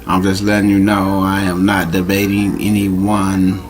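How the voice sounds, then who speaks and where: A man's voice: sits low, completely flat delivery, unhurried, a little hiss or hum. A man casually hosting a late-night livestream, talking in slang and repeating his greetings over and over to the chat. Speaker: livestream host. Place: home, late at night, dogs nearby.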